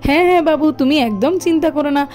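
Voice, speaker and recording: A woman's voice: high-pitched, racing, darkish tone, soft background music, natural voice. A woman voicing a cheerful, pushy street snack-seller man in a doll cartoon, calling out his wares in a sing-song hawker style. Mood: coaxing.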